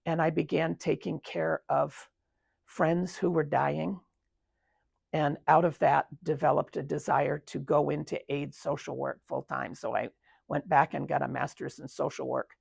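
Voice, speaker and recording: A woman in her seventies with a gravelly, husky voice talks through her working life at a retirement community. She is reflective and pauses often on ums and restarts. The sound is close and dry. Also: sits low, a little mellow, no room sound. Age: 70s. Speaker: interviewee. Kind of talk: recounting her career.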